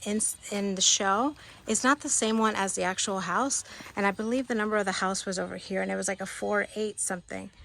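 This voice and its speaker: A woman's voice: mid-range voice, a bit bright, slight background noise. A woman vlogger giving a casual walking tour of film locations outdoors, talking tentatively and thinking aloud as she points things out. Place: outdoors on a residential street.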